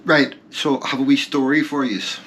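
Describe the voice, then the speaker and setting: A man's voice: medium pitch, flat delivery, moderate pace, background noise. A man from Northern Ireland with a Northern Irish accent, chatting casually to his vlog in a rambling way that trails off and changes track mid-thought. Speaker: travel vlogger. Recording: loud music over the voice.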